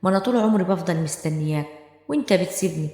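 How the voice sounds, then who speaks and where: A woman voicing a gentle, hurt young daughter in an Egyptian Arabic accent, soft and pleading, in an echoey room with long reverb. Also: fairly low pitch, animated, racing, natural voice.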